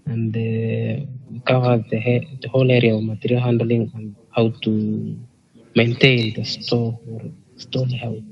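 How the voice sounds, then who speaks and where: Flat male student over a video call. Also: mid-range voice, unhurried, creaky. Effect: student's voice coming over a video call in a screen recording. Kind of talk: answering in an online class. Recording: dull, distant video-call audio.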